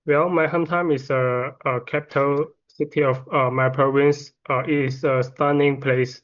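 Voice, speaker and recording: A man's voice: medium pitch, level tone, moderate pace, a bit bright, muffled recording. Hesitant young Chinese man at exam. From China. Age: 20s. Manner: hesitant, many "uh" fillers and repeats. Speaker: test candidate. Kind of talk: mock exam answers.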